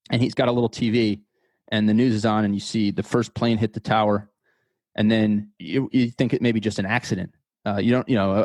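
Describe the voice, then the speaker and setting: An American man in his thirties, guesting on a podcast, talks thoughtfully in a casual interview and often repeats words while he thinks. His mid-range voice has a darkish tone and no echo.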